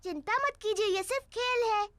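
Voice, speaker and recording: A woman's voice: very high voice, fairly quick, dry recording. A woman voicing a bossy, playful little girl piglet with a childlike, chirpy manner in a children's cartoon dub. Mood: playful, matter-of-fact. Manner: childlike, chirpy, matter-of-fact. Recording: music behind the voice.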